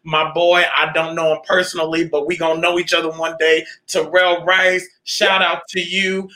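A man's voice: on the high side, flat delivery, normal speed, pushed and bright. A man hosting a casual chat, talking informally with hype and repeated phrases. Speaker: host.

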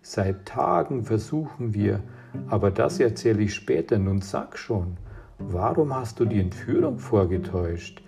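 A man's voice: fairly low pitch, lively intonation, a little slow, gravelly, mellow, soft background music. A man reading aloud as a teenage boy who leads his friends, urging and reassuring.

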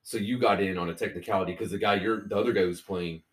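A man's voice: low-pitched, steady tone, fast. A man in casual group talk, emphatic and opinionated, swearing freely. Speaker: fantasy league member. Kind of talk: casual group chat about a fantasy league.

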